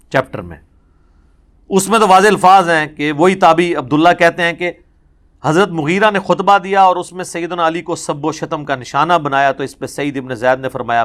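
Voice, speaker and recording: A man giving a religious lecture, telling narrations in an animated way and acting out the quoted speech. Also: fairly high pitch. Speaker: religious scholar.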